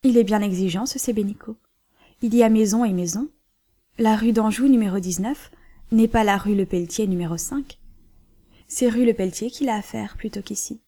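A woman reading the part of a cool, dignified banker's wife who schemes calmly. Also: medium pitch, moderate pace, natural voice. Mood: composed.

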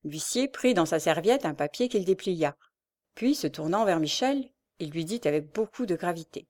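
A woman narrating a classic novel as an audiobook, measured and even. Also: fairly low pitch.

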